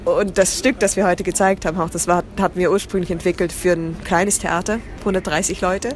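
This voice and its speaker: A woman from southern Germany, guest and founder of a theatre company, talks in a fairly low, steady voice at a fairly quick pace. In this informal interview with faint hiss or hum, she keeps restarting, looking for words and shifting into English.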